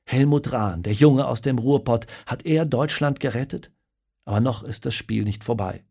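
A man reading a children's story aloud, dramatic and lively in his storytelling. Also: medium pitch, normal speed, vocal fry, slightly rough. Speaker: narrator. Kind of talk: storybook narration.

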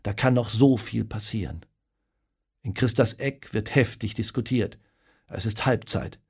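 A man reading a children's story aloud, dramatic and lively in his storytelling. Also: lowish voice, a little slow, vocal fry, breathy edge. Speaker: narrator. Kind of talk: storybook narration.

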